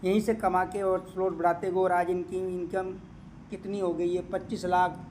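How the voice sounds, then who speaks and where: A man walking viewers through a screen of earnings and doing the sums aloud, repeating the figures and pausing often to hesitate. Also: high voice, flat delivery, a little mellow, slight background noise. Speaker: crypto income promoter. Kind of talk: screen-share walkthrough with running calculations.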